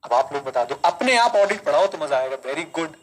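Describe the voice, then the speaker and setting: Male online tutor, slow and deliberate, repeats points, quizzes students. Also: a little high, very animated, poor audio. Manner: mixes Hindi and English, calls students kids. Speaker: teacher. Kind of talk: live online exam-prep class.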